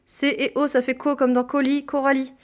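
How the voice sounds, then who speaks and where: Pitched high and level in tone, a woman leads a phonics lesson for small children. Every sound and example word gets said slowly and repeated.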